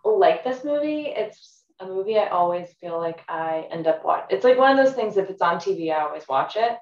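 A woman's voice: on the low side, expressive, fairly quick, a little mellow. Distant, roomy-sounding woman chatting casually. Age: 30s. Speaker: podcast guest. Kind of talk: casual chat. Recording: roomy, distant, slightly dull microphone.

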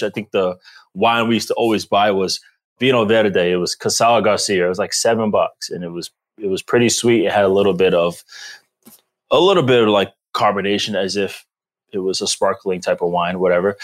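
A man in his thirties from the East Coast of the US, a guest telling stories in a casual chat and laughing often. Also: fairly low pitch. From Rhode Island, US East Coast. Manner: animated storyteller who laughs often. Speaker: guest, former pro football player.

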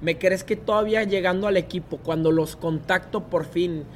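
Young mexican guy telling a story, kinda high voice, acts out the other people, low rumble in the back. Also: normal speed. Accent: Mexican Spanish. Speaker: guest. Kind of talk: casual storytelling interview.

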